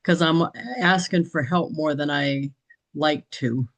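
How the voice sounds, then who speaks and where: A woman's voice: low voice, slow pace, low-quality recording. A woman chatting casually in a group meeting, rambling along with frequent restarts and light laughter. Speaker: business training participant.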